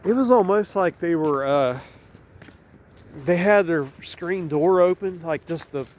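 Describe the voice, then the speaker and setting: A man's voice: sits high, unhurried, a little mellow. A man casually recalling a scary story with friends while walking and filming outdoors in a neighborhood, laid-back with chuckling asides. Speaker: friend telling scary stories. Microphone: handheld phone camera.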